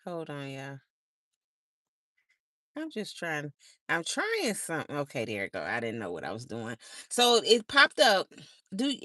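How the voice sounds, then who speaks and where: Gravelly, blunt older woman live streaming. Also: low voice, fairly bright tone, no room sound, clean studio sound. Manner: salty, blunt, swears freely. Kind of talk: casual live-stream chat.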